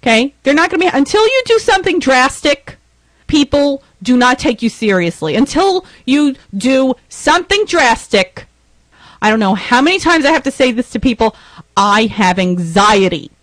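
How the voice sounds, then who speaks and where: A woman's voice: high-pitched, very animated, moderate pace, no echo. A woman hosting a podcast in a casual, rambling monologue, venting with exasperated bursts and sounding stuffy from a sinus headache. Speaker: podcast host.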